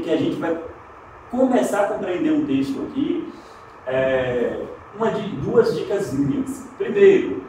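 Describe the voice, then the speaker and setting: A Brazilian man teaching a televised Spanish lesson, slow and emphatic on example words. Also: on the high side, darkish tone. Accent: Brazilian Portuguese. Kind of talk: televised exam-prep lesson. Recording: very echoey, distant mic, faint noise.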